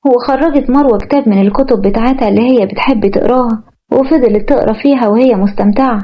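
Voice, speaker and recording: A woman with an Egyptian accent narrates a story briskly and steadily. Her voice sits fairly high and moves fast. The recording is muffled and lo-fi.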